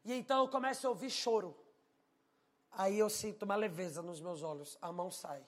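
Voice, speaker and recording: A man preaching a sermon, telling a personal testimony and swinging from hushed tones to shouting. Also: high voice, a little fast.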